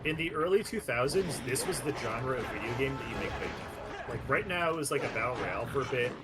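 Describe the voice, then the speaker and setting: A man's voice: mid-range voice, fast. A man chatting on a stream with a friend, rambling and joking, with sudden jumps in his voice. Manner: animated, rambling, jokey. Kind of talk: casual chat.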